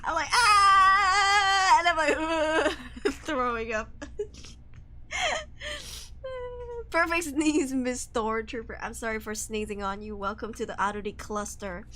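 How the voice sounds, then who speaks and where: A woman's voice: fairly high pitch, steady tone, moderate pace. A young woman streaming a horror game, chatty and jumpy, sniffly with a cold. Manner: chatty, jumpy, swearing and laughing. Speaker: VTuber streamer.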